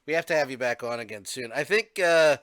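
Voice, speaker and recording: A man's voice: medium pitch, fairly quick, a bit bright, no echo. A man in his thirties hosting a casual podcast, teasing his guest and laughing easily. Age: 30s. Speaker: host.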